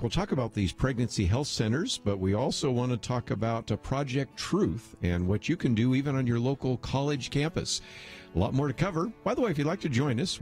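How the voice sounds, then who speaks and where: Brisk male radio host with lively pitch. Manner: brief affirmations, brisk wrap-up to the break. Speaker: radio talk show host.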